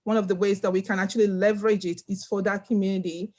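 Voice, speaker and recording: A woman's voice: mid-range voice, flat delivery, fast talker, a little mellow. Earnest Nigerian-born woman on a video call. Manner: earnest, emphatic, repeats words. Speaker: panelist. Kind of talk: video panel discussion. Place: home room.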